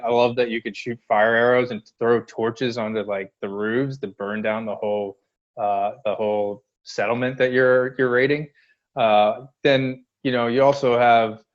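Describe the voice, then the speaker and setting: A man co-hosting casual gaming commentary, giving blunt, slangy opinions in halting, loosely built sentences. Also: mid-range voice, muffled recording. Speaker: co-host.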